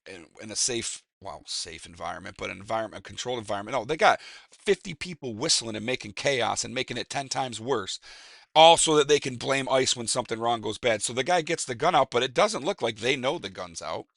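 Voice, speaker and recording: A man's voice: mid-range voice, lively intonation, brisk, vocal fry, fairly bright tone, no echo, clean studio sound. A man giving a rambling, emphatic casual opinion monologue, with restarts and fillers. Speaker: commentator.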